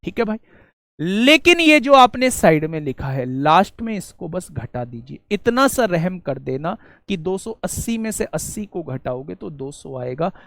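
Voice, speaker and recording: A man teaching an exam-prep maths lesson in a lively, coaxing way, asking his students questions and answering them himself. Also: high voice, unhurried, gravelly, no echo. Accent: Hindi.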